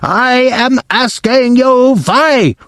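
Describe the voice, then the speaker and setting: A man reading aloud and voicing a tyrannical female witch leader who screams slowly in stiff, clipped phrasing. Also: very high-pitched, a bit bright, clear, resonant tone, no echo, studio quality, pitched above the performer's own voice, full character voice. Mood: ranting. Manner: slow, screaming, clipped foreign-sounding syntax.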